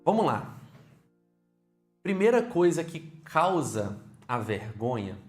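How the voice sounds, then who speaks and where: A man with a Brazilian Portuguese accent teaching keyboard online, lively and speaking straight to the viewer with frequent questions. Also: on the high side, slow, reverberant, faint music behind.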